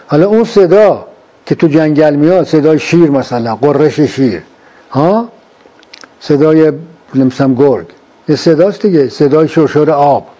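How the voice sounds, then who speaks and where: A man's voice: fairly high pitch, mellow. A man in a philosophical conversation, probing with short leading questions. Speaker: interviewer.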